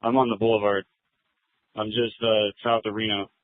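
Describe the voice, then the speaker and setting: A man's voice: fairly low pitch, level tone, moderate pace, no room sound. A male police officer talking in clipped, informal procedure over police radio on a narrowband scanner feed.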